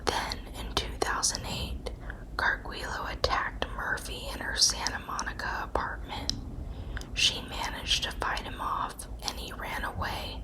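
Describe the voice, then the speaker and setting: In a breathy, unvoiced ASMR whisper, a woman narrates a scripted true crime story, her phrasing measured and deliberate. The recording is rough.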